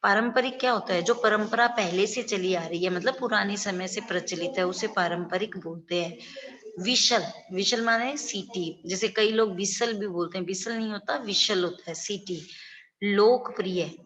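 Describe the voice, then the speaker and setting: A woman teacher giving an online class, explaining word meanings slowly and often asking the class questions before she answers them. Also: mid-range voice, a bit bright. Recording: dull audio with long reverb.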